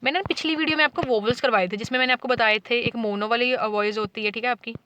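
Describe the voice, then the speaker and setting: A woman's voice: a little high, fast talker, sharp tone, a little hiss or hum. A woman teaching a class in a lesson video, explaining patiently, saying "ठीक है" again and again and sounding out example words. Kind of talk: whiteboard lecture in Hindi with English terms.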